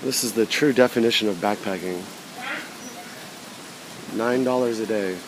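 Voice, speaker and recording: A man filming a casual travel vlog outdoors during a rainstorm, easygoing and laughing often. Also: lowish voice. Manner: easygoing, laughs often, slow musing remarks. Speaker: vlogger. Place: sheltered spot outdoors in the rain. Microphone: handheld camera. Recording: faint rain noise outdoors. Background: rain.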